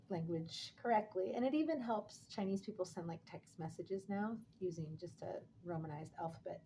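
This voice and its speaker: A woman's voice: medium pitch, warm tone, a little hiss or hum, rough recording. Chatty woman teaching tones. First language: English. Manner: chatty, upbeat, sings out the tones as examples. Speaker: language and tai chi teacher. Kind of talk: casual explaining lesson.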